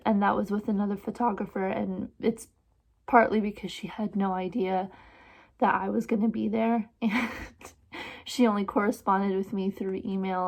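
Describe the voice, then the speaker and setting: A woman's voice: medium pitch, creaky, a little mellow. A woman in her twenties with a mixed Trinidadian and New Jersey accent, answering viewer questions in a casual, self-deprecating vlog. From born in Trinidad and Tobago, raised in New Jersey. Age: 20s. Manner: self-deprecating and giggly, with filler-heavy rambling. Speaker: vlogger and photographer.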